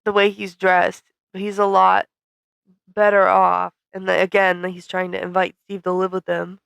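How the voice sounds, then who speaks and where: A woman's voice: mid-range voice, completely flat delivery, a little slow, vocal fry, fairly bright tone, smooth, dry recording. A woman co-hosting a podcast, recapping a movie in casual chat with wry, teasing asides. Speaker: podcast co-host.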